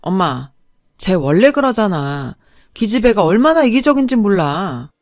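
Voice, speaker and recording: A woman's voice: mid-range voice, sing-song, normal speed, no echo, studio quality. A woman voicing a spoiled, selfish older sister who talks in a whiny, dismissive way, in a radio drama reading.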